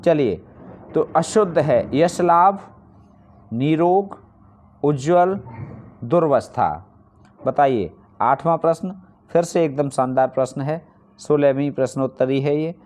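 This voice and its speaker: A man's voice: on the high side, slow, long pauses, a little mellow. A man teaching a Hindi spelling lesson, explaining each answer step by step and posing questions he then answers himself. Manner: repeats key points for emphasis. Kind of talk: online exam-prep lesson.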